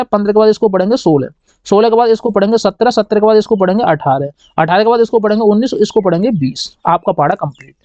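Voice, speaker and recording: A man with a high, light voice runs a maths lesson for children, prompting them with question after question about which number follows. The sound is dry and close, with a dull, lo-fi quality. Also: darkish tone, dry recording. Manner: coaxing, keeps asking kids "what comes next, beta?". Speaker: maths teacher. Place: indoor teaching setup writing with a pen.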